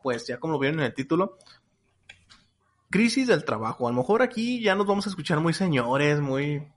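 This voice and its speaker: A man's voice: fairly high pitch, very animated, a little fast. A young adult man with a Mexican accent hosting a podcast in a casual, chatty style. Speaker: podcast host.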